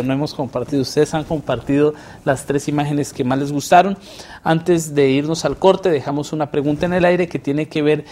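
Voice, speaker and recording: A man hosting a relaxed Bible lesson discussion, chatting and asking leading questions. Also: on the high side. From not from Mexico. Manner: conversational, asks leading questions. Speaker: host.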